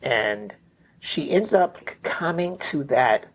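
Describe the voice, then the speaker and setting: In a slow, expressive voice on the high side with a fairly bright tone, a middle-aged memoir author tells a family story on a podcast. His conversational account loosely rambles, and he keeps adding "right?" and "you know." Audio quality is poor.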